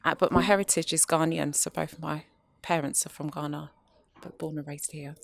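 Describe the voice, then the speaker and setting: A woman's voice: low voice, level tone, moderate pace, creaky. A woman, a guest in a casual interview, explaining at length with many ums. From North London, UK. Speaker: guest, skincare business founder.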